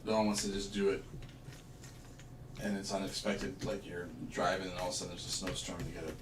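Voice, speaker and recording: Casual guy co-hosting a stream, low voice, distant noisy roomy recording. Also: flat delivery, a little fast. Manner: easygoing, joking, grumbles playfully. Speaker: livestream co-host. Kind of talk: casual chat while puzzling. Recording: echoey room, distant mic, noisy.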